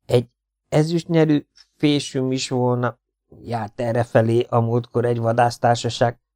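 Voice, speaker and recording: A jittery partisan who yelps warnings and pleads nervously, as a male audiobook reader puts him on. His voice rides high and strained above the reader's own. The recording is close and dry. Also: little pitch movement, no echo, natural voice. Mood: reluctant. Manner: high, anxious, shouting warnings. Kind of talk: audiobook character voice.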